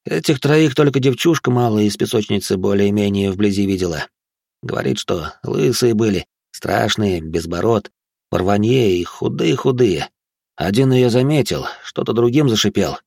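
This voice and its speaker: A man voicing a gruff, tipsy beat cop. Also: lowish voice, expressive, normal speed, a little mellow, no room sound, studio quality. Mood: grumbling. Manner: grumbling, world-weary. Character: gloomy middle-aged male beat cop, tipsy.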